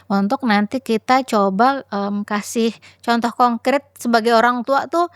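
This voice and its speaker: A woman co-hosts a parenting podcast in a casual, explanatory tone, with plenty of fillers. Her voice sits fairly high. The sound is dry and close, with no room echo. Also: fairly even intonation, a little slow, clean tone. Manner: talkative, explanatory, lots of fillers.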